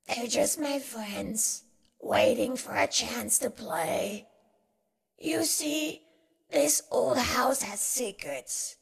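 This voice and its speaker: A woman voicing a sinister old granny who coaxes a child, with a creaky, raspy voice and a slow, swooping sing-song menace. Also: a little high, heavily acted. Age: older. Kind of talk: horror monologue acting.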